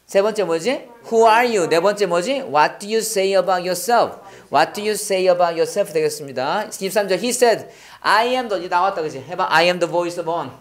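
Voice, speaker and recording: A man, a pastor, teaching Bible memorization in English. He recites verses very slowly for repetition and quizzes his students with quick questions in between. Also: sits high. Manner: slow drilled English recitation between quick Korean explanation. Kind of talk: call-and-response Bible English lesson.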